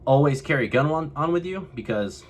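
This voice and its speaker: A man's voice: on the high side, expressive, fairly quick, a little hiss or hum. A young man from California, telling a vlog story to camera and acting out what others said. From California, USA. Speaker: vlogger.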